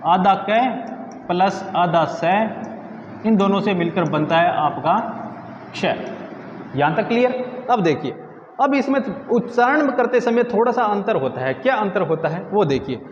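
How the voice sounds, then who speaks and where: A man teaching Hindi grammar in a video lesson, who asks students questions, answers them himself and repeats words slowly. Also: high-pitched, lively intonation, echoey room, big-room sound, muffled recording, a little hiss or hum.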